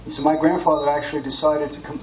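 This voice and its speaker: A man's voice: on the high side, level tone, fast talker, a bit bright, slight background noise. A middle-aged man from Austria giving a storytelling campaign speech as a political candidate. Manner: storytelling, with fillers. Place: meeting room. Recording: echoey room from far off.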